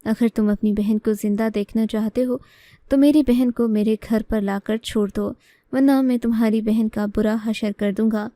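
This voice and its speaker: A woman's voice: a little high, no room sound, close to an everyday voice. Woman reading a cold, threatening kidnapper. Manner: flat, measured, chewing each word. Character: angry young man, the kidnapper, cold and threatening.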